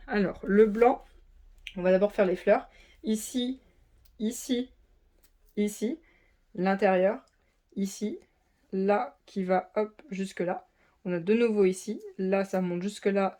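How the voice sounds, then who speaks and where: In this casual unboxing walkthrough, a woman who hosts a diamond painting channel speaks in a mid-range voice, calmly guiding viewers through a craft kit. She talks to them directly in a chatty way while methodically reading off codes and indicating spots.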